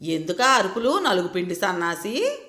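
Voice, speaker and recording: A woman voicing a scolding sharp-tongued grandma. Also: medium pitch, very animated, normal speed, echoey room. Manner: loud nonstop scolding.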